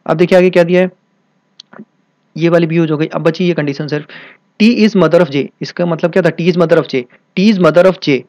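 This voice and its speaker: Young man, Hindi teacher, slightly high voice, repeats each step, dry close sound. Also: steady tone, normal speed, darkish tone, dry recording. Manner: repetitive, checks often if students follow. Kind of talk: explaining a reasoning problem step by step.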